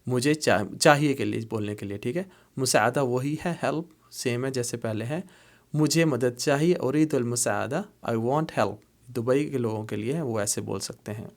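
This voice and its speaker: A middle-aged man teaches everyday phrases in a calm, steady lesson voice. His pitch sits in the ordinary middle range. He repeats each example slowly and patiently. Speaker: language teacher. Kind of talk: explaining Arabic phrases in Urdu.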